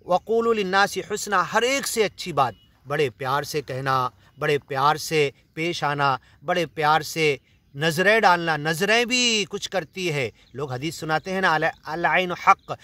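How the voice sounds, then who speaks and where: Man, Indian Urdu accent, scripture sermon, bright forceful tone, dry close sound. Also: on the high side, no room sound. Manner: earnest explaining, Arabic verses recited then paraphrased. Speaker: Quran teacher. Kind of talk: Urdu Quran explanation sermon.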